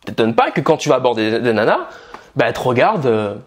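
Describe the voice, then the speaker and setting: A male coach from France talks to the camera in a loose, conversational way, blunt and a little crude, often calling the listener buddy. His pitch is mid-range for a man but swings widely and expressively from phrase to phrase. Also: sing-song, fast talker. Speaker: dating and style coach. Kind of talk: casual direct-to-camera advice.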